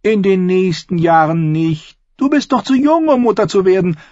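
A man voicing a shrill, imperious middle-aged noblewoman who scolds in a high, vehement voice. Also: normal speed, a little mellow, dry recording, lo-fi sound, lightly acted. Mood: scheming.

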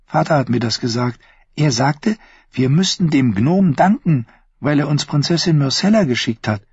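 A man's voice: on the high side, expressive, normal speed, darkish tone, husky, no echo, voice pushed up, full character voice. A man doing a sly, sugary young woman. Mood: sweetly scheming. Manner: sugary, sly, lilting delivery. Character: sweet-voiced young woman, scheming and sly. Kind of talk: audiobook character voice. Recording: dull lo-fi audio.

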